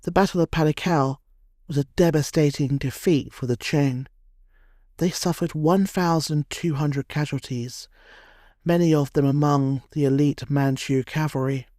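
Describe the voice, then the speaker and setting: A man narrating a history documentary from a script, in a measured, dramatic storytelling cadence. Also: fairly high pitch, fairly even intonation, mellow, no room sound, clean studio sound.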